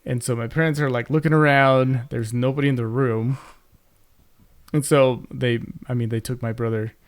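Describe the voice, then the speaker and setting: A man's voice: medium pitch, fairly even intonation, moderate pace, dry recording. A young man co-hosting a podcast, telling a family story in casual chat, rambling with many fillers and restarts into a close mic. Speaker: podcast co-host.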